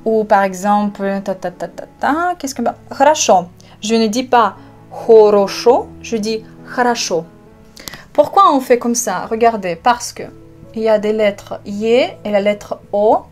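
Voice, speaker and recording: A woman from Russia with a Russian accent, a language teacher explaining words slowly with hesitations and repeated examples. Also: mid-range voice, soft background music. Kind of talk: online language lesson.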